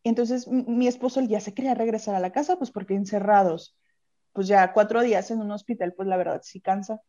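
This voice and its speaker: Mexican woman, lively storyteller, muffled audio. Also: medium pitch, a little fast. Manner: lively storyteller who acts out quoted voices. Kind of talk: casual chat.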